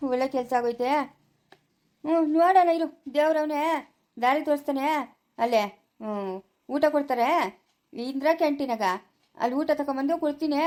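A woman's voice: high voice, close to an everyday voice. A woman playing a kindly, motherly village laborer who soothes and consoles in rural Chikkaballapur Kannada. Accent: Kannada, Chikkaballapur rural dialect. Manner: soothing and consoling, repeats hush phrases. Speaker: poor day laborer who shelters a lost girl. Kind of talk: village family skit.

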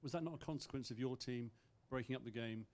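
A journalist presses his point again and again. He talks at a very rapid pace. A faint rumble sits under his voice. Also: a little mellow. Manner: pressing, insistent. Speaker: journalist asking questions.

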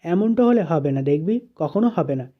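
A man's voice: fairly high pitch, lively intonation, moderate pace. Brief: curt, accusing young husband, read by a man; dull lo-fi sound. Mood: cold. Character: cold, unforgiving young husband.

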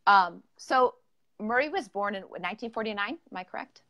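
Woman, podcast host, chatty and enthusiastic, casual live stream, mid-pitched voice. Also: expressive, brisk, lo-fi sound.

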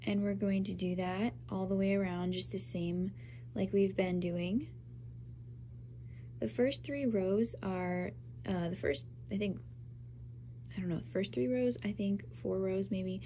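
A young woman with a cold chats her way through a crochet tutorial, sounding stuffy and nasal yet upbeat and casual as she talks over the hands-on work. Her voice is mid-range and warm, a little slow, with slight background noise.

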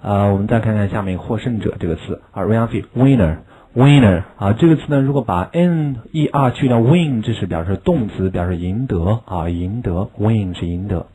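A man teaching an English lesson in a recorded video class, explaining patiently with rhetorical questions and drilling each word by saying it slowly several times. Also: lowish voice, animated, mellow, breathy edge, low-quality recording.

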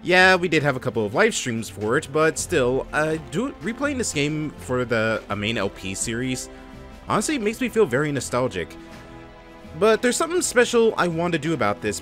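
A man's voice: medium pitch, fairly bright tone. A man hosting a let's play, giving chatty, casual commentary on a video game. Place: voice-over recorded apart from the game.

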